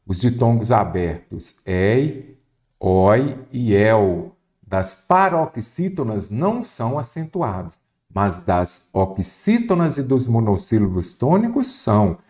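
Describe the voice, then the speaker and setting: A man with a Brazilian accent teaching a Portuguese spelling lesson for exam prep, lively and full of rhetorical questions he answers himself. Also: medium pitch, a little slow. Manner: addresses the student directly.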